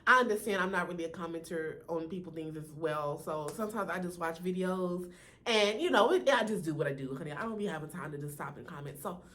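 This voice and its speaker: Talking quickly in a fairly bright, low-leaning voice, this American video host chats casually with her viewers. She's sassy and talkative, lisps slightly because of braces, and keeps dropping "honey", "you know" and "right?".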